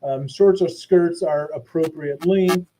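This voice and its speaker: Man with robotic low-sample-rate audio. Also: takes it slowly, background noise. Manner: casual, chatty, many fillers and restarts. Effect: robotic, garbled low-sample-rate audio. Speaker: school principal. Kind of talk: live online presentation to parents. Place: hot indoor office.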